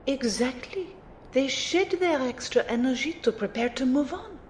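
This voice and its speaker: In an audio drama, a woman voices a refined, playful magic mentor who teases and lectures in a formal, precise, teacherly way. Her delivery is expressive at a normal speed, and the amateur recording sounds roomy with a faint rumble.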